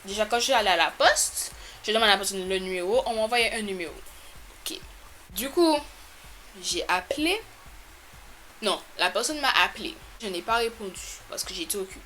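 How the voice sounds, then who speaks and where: A woman telling a storytime to her camera in a casual, animated, exasperated way, with sudden loud jumps in pitch. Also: fairly quick, long pauses, slight background noise. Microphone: camera mic.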